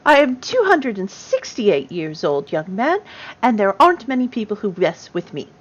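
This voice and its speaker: A proper, stubborn grandmother gnome of great age, put on by a woman, speaking with old-fashioned courtesy. Her voice rises and falls in a lively way. The recording sounds dull and lo-fi. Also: medium pitch, normal speed. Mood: firm. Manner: genteel, old-fashioned, calls people dearie. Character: ancient prim grandmother gnome, polite and stubborn.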